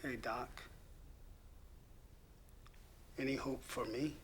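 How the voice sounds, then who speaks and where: A man's voice: medium pitch, steady tone, normal speed, natural voice. An actor playing a jovial older male veteran in a counseling group, once a street drinker, who jokes and laughs as he talks. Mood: joking. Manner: joking, laughing while he talks. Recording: crowd noise behind the voice.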